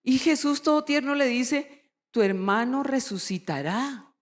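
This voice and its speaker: A woman pastor preaching a lively sermon, acting out quoted voices and asking the congregation questions. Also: high-pitched, unhurried, long reverb tail.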